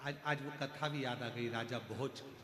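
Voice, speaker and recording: In an echoey hall with faint music behind him, a man tells a devotional story sermon at a normal pace and medium pitch. He's a religious storyteller whose emphatic delivery stacks repeated words and titles.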